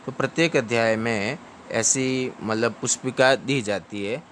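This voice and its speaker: A man teaching how to pronounce a Sanskrit chapter ending, drilling each syllable slowly and chanting it back. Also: mid-range voice, fairly even intonation, a bit bright, slight background noise. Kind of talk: pronunciation lesson.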